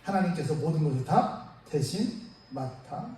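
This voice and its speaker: A man preaching a Sunday sermon as pastor, lively and conversational, throwing rhetorical questions at the congregation. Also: fairly high pitch, normal speed. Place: church sanctuary. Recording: echoey church sound from far off, faint noise.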